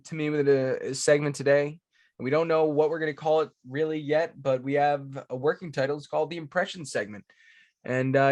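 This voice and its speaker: A man's voice: fairly high pitch, no room sound. Laid-back man on a dry podcast mic. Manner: laid-back, slangy banter. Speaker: podcast co-host. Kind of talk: casual chat.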